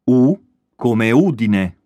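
A man's voice: medium pitch, very animated, drawn-out words, warm tone, dry recording. A man reading a scripted language lesson, spelling out each letter with an example word. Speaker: language course reader.

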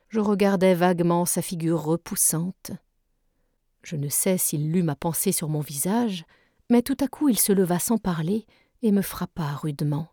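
A woman reads a classic novel aloud, calm and measured. Her voice is mellow and warm, recorded close and dry with no room sound. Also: fairly low pitch, dry recording. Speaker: narrator. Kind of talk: audiobook reading of a classic novel.

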